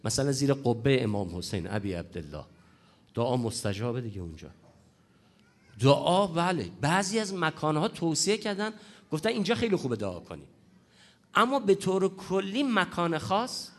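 Hoarse from a cold, a man with a fairly high voice preaches a religious lecture on prayer, speaking emphatically and repeating his key points.

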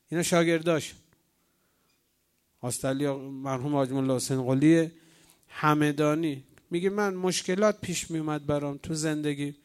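A man preaching a sermon as a story, swinging from loud calls to hushed tones and speaking straight to his listeners. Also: fairly high pitch, clean tone. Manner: addresses the congregation directly.

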